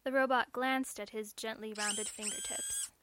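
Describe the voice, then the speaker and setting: A woman narrating a story in a measured, clear storytelling manner. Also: on the high side, huge pitch swings, noisy background.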